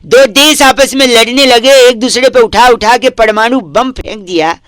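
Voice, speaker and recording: A man with a very high voice, deadpan and mock-earnest as he lectures absurd logic on a prank call. The sound is dry and close, with no room echo. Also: moderate pace. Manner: answers only with hums to provoke. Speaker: prank caller.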